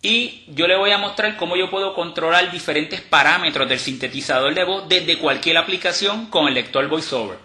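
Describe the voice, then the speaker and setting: A man teaching a step-by-step tutorial in a relaxed, explanatory way, with fillers and restarts. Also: a little high, moderate pace, few pauses. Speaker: instructor demonstrating a screen reader. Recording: roomy echo.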